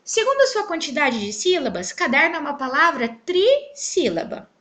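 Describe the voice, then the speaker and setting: Woman teacher with a Brazilian accent, high and animated, clear and emphatic. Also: normal speed. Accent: Brazilian Portuguese. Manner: clear, emphatic, stretches syllables when spelling out words. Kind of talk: online grammar lesson.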